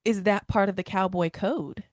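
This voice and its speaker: A woman's voice: mid-range voice, moderate pace, darkish tone, no echo, clean studio sound. A woman hosting a podcast interview, asking questions casually with many fillers. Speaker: podcast host.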